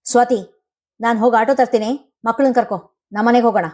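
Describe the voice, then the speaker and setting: A proud young husband, quick to anger, his voice rising sharply as he argues about money, read by a woman telling a family story. He sounds bitter and wounded in his pride, and his lines come out high and pushed. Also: fairly even intonation, darkish tone, lightly acted. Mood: hurt. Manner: raised, resentful voice.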